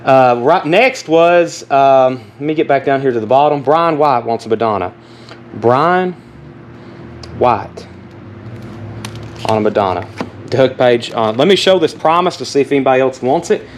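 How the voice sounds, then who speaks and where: A man's voice: medium pitch, animated, normal speed, pauses often. Male auctioneer selling live, noisy background. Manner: auctioneer-style calling of bids and prices. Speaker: host of live online record auction. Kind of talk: casual live sales talk with list reading. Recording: noticeable background noise, live stream.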